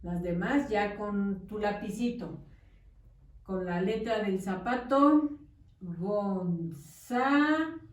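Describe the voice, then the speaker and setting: A woman teacher giving a patient lesson to young children, dictating words slowly syllable by syllable and checking in with questions. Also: medium pitch. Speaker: primary school teacher. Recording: echoey room, distant mic.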